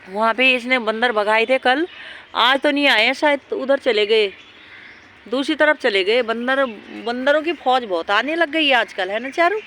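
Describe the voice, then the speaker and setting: A woman filming her dogs outdoors in a park, talking to them in a high coaxing or scolding voice and explaining them calmly to her viewers. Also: normal speed, slight background noise. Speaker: dog owner vlogger. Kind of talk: casual narration to camera.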